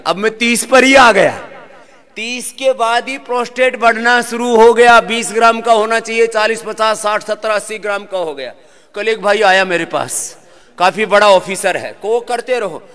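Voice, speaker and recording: Male yoga teacher leading a class, high clear voice, lively and joking. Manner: lively, sings verses, jokes with class. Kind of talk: live yoga class instruction and talk.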